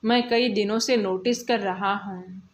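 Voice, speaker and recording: A kind, protective young man, as a woman storyteller puts him on, asking concerned questions. The voice stays slow and even, like a storybook read. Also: mid-range voice, close to an everyday voice. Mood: caring.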